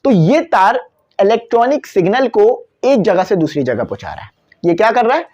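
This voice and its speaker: A man's high, sing-song, slightly mellow voice moves at a moderate pace as he teaches a physics class in a lecture video. With a Pakistani Urdu accent, he relies on everyday examples, slips into English for terms, and speaks through a cabled microphone.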